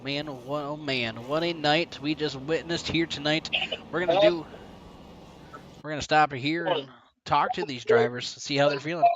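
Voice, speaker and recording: Excitable guy calling a race, keeps talking, tone on the bright side. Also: on the high side, normal speed, lo-fi sound, slight background noise. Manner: excited, talkative, rising energy at the finish. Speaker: race commentator. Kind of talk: play-by-play commentary.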